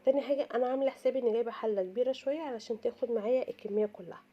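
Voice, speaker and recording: Casting: Egyptian woman, middle-aged home-cooking host, rapid chatty delivery, slightly husky tired voice with a cold, dull lo-fi audio. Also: a little high. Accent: Egyptian Arabic. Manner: chatty, repeats and emphasizes points, addresses viewers directly. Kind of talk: informal step-by-step cooking tutorial.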